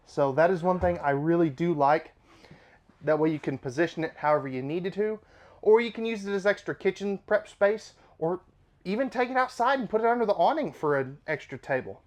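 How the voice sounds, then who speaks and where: A man whose voice sits high but has a darkish tone presents a travel trailer for an RV dealership. Chatty and upbeat, he drops casual asides along the way, sounding slightly nasal due to allergies.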